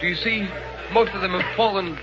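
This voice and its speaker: A man's voice: high-pitched, fairly even intonation, brisk, over music, crowd noise. An actor playing a fretful, pleading male leader of an underground city in a 1930s radio drama, heard on an old radio recording. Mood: anxious. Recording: muffled old radio recording, faint hiss.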